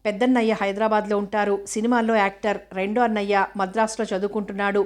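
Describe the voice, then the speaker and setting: A woman's voice: medium pitch, level tone, fast, close to an everyday voice. A woman voicing a mischievous little girl who answers questions in a matter-of-fact, playful way in a storybook reading. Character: mischievous little girl telling tall tales.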